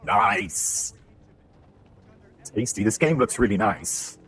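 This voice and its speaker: Chatty British streamer, lively pitch. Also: male voice, takes it slowly, slight background noise. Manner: joking, chatty, reads chat aloud. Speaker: game streamer. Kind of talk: live game streaming commentary.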